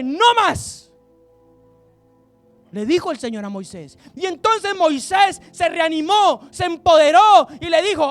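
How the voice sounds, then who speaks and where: Brief: impassioned male pastor, high-pitched, rhetorical and exhorting, soft music underneath. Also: dry recording. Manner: fiery, exhorting, rhetorical questions, bursts of shouting. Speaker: preacher. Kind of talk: impassioned sermon.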